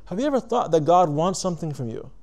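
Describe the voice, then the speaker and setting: Male lecturer, somewhat high voice, relaxed talk-style religious lecture, asks the room questions, rephrases as he goes. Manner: conversational, poses questions to listeners; deliberate, stops to rephrase. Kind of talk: reflective Islamic lecture to a live audience.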